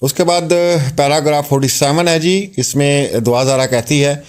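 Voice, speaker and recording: A man's voice: a little high, smooth. A man narrating and commenting on a court statement for his viewers, in a conversational style with many fillers.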